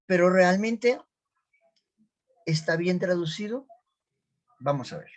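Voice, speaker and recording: A man teaching a scripture lesson, sounding out Hebrew words slowly and repeating them as he explains. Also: high-pitched, animated. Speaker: Bible teacher.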